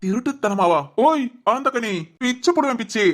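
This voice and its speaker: A man's voice: very high voice, expressive, normal speed. A man voicing a joking, teasing young husband in a cartoon family comedy. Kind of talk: cartoon voice acting.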